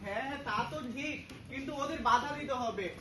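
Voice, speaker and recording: A man's voice: very high voice, quick pace. A man playing an eager young villager who offers help and urges action. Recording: echoey hall from far off, background noise.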